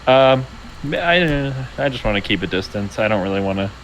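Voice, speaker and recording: A man rambles and jokes at a tabletop game session. His voice sits fairly low, with a faint hum in the background. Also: animated, moderate pace, low-quality recording. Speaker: player. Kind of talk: casual chat at a game table.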